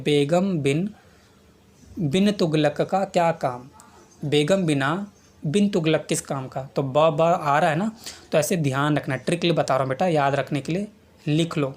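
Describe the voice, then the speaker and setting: A young adult man leads an exam-prep lesson, walking students through memory tricks. He circles back over each point and keeps checking in with a quick okay. Now and then he calls his students "beta" as he explains. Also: on the high side. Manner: repetitive, checks in with frequent okays, calls students 'beta'.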